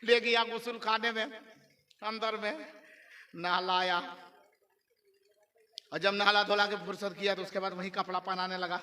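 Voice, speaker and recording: A man preacher tells a humorous story at a religious gathering, acting out characters and shouting punchlines. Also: sits high, flat delivery, unhurried, pauses often. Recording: voice picked up from a distance.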